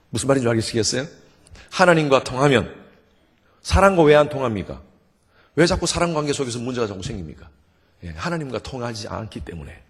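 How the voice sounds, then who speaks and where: A middle-aged male pastor preaching at a revival meeting, lively and joking, having the congregation repeat after him. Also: mid-range voice, husky. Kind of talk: sermon. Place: church sanctuary. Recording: long church hall reverb.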